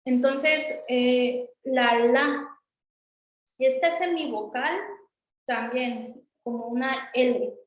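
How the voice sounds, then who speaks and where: A woman's voice: sits high, very slow, roomy sound, rough recording. A woman teaching an introductory language class, patiently repeating example words. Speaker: Sanskrit teacher. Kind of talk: online class explanation.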